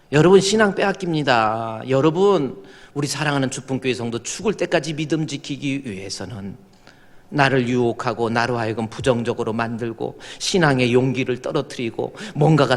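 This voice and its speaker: A male pastor giving a sermon, an animated, joking storyteller who rises to shouts. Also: medium pitch, in a large hall. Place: church sanctuary.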